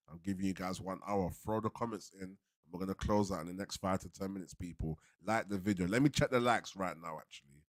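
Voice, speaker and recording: Casting: male fan-channel host, deep voice, London roadman accent, relaxed street slang, casual livestream chat, very dry sound. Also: no room sound. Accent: London roadman, multicultural urban slang. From London, England. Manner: laid-back, slangy, repeats himself, tag phrases.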